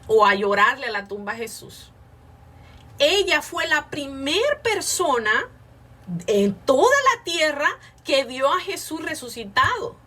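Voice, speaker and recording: Bright high-voiced woman teaching a Bible class. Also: far from the mic. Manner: earnest, frequent filler sounds and restarts, rhetorical tag questions. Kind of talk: informal Bible lesson, reading aloud and explaining.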